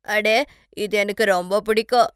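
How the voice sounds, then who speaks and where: Woman doing a loud whiny glutton wife. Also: medium pitch, steady tone, unhurried, clean tone, no room sound, studio quality, natural voice. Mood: demanding. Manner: loud, whining, insistent. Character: greedy young wife, whiny and demanding.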